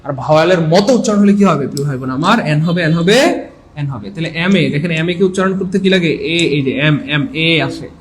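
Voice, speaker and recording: High-voiced energetic Bangladeshi male teacher. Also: fast talker, a little hiss or hum. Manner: energetic, repeats points and quizzes listeners. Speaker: English teacher. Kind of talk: exam-prep grammar lesson.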